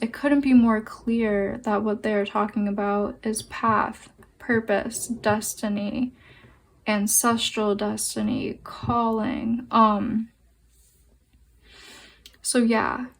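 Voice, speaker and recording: Gentle woman giving a tarot reading. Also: a little high, steady tone, slow pace, creaky. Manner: gentle, reassuring, with many fillers and restarts. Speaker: tarot card reader. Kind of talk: pick-a-card tarot reading.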